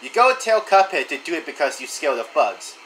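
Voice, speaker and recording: A man casually reading a text adventure aloud, in an animated voice that stumbles and restarts now and then. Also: on the high side, fairly quick, slight background noise, low-quality recording. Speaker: channel host reading a story game aloud.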